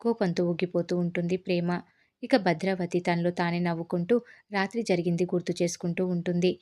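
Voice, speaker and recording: Woman narrating a tv serial recap, low voice, pretty monotone. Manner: steady storytelling.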